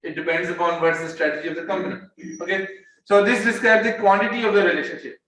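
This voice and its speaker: A man's voice: high voice, fairly even intonation, fast, fairly bright tone. A man lecturing a class on economics, explaining step by step, often repeating words as he searches for the next one, and mixing English with Hindi-Urdu phrases. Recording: very echoey room, mic far off, faint background noise.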